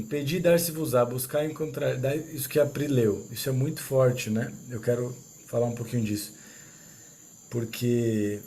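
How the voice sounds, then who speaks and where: A man leading a church meeting, explaining a Bible passage in a relaxed, conversational way. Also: medium pitch, slight background noise. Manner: relaxed and conversational, full of tag questions. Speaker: leader of a church small-group meeting. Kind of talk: informal Bible teaching.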